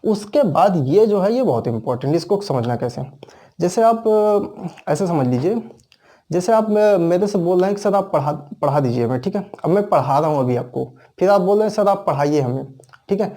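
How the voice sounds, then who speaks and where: A man's voice: high-pitched, expressive, normal speed, warm tone. A man with an Indian accent, an English teacher explaining grammar step by step and asking and answering his own questions. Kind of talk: classroom grammar lesson.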